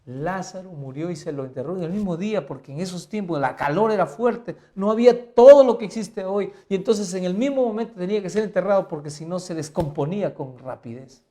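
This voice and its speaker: A male pastor teaching a Bible lesson in the style of a sermon. He keeps asking the listener rhetorical questions and swings between quiet and loud emphasis. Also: high voice, expressive, fairly quick, hardly any pauses.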